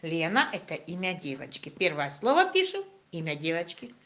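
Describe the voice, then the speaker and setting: A woman's voice: lowish voice, huge pitch swings, fairly quick, fairly bright tone. A woman primary school teacher dictating to young children in a classroom lesson, repeating and stretching words in a didactic way.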